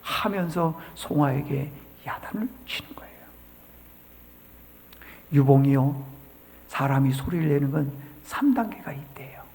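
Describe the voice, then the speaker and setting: Gravelly high-voiced preacher in a hall. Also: male voice, animated, measured pace, pauses often, a little mellow. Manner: dramatic storytelling, acting out quoted lines. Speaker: pastor. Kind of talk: sermon. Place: church sanctuary. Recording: church hall reverb.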